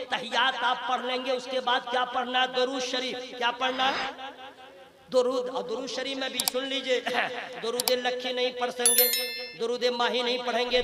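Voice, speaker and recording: A male preacher with a strikingly high voice delivers a sermon to a large gathering. He slips between soft, teasing asides and fervent shouted exhortation. The sound rings through an echoey hall, with a crowd audible behind him. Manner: swings from quiet teasing asides to impassioned shouting. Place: large gathering, religious meeting.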